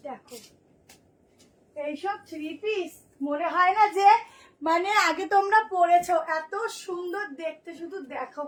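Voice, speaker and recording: A hoarse woman, a boutique seller who talks nonstop, showing clothes to viewers in a live sales video. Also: very high voice, unhurried. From Kolkata, India. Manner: chatty, nonstop talker.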